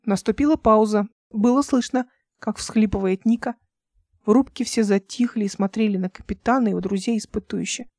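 A woman reading her own science fiction audiobook in steady, even narration on a close microphone. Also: medium pitch, fairly quick, no room sound. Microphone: home microphone, close.

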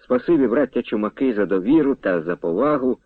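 A man voicing a solemn male caravan leader speaking to his men in a measured, dignified way. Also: on the low side, animated, dry recording. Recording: tinny dry radio recording.

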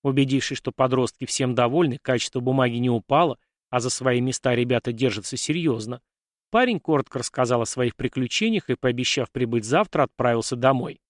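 Steady male audiobook narrator, dry sound. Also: medium pitch, brisk, no echo.

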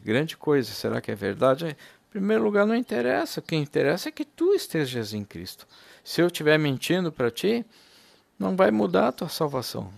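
A man preaching an informal sermon, impassioned, swinging from loud to hushed, calling his listeners brothers and laughing between points. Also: fairly high pitch, vocal fry, dry recording.

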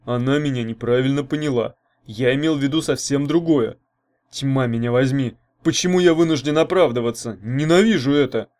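A man's voice: medium pitch, normal speed, a little mellow, close to an everyday voice. A man reading an audiobook, playing a slippery young man, a liar and thief, who talks defensively and flustered.

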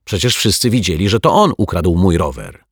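A man's voice: deep voice, very animated, normal speed, slightly rough, dry recording, clean studio sound, full character voice. A man voicing a proud, easily offended detective in a children's audiobook, with a huffy manner. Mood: indignant. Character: indignant proud male detective.

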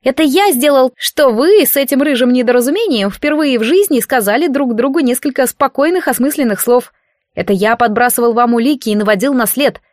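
A mischievous little god in a boy's shape, put on by a woman reader, raising the voice high above her own and talking in a petulant, teasing rush. It sounds knowing and older than its size. The recording is close and completely dry. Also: animated, a little mellow, dry recording. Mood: indignant. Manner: petulant, teasing, quick, grown-up under a child's voice. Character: cheeky shape-shifting child god, boyish, grumpy. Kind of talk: audiobook character voice.

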